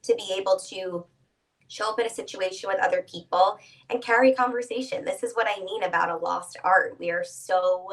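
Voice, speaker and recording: A woman etiquette instructor explains her advice in a measured, patient way, guest in a conversational interview. Her voice sits at an ordinary pitch for a woman. She sounds a little set back from the microphone. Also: distant mic.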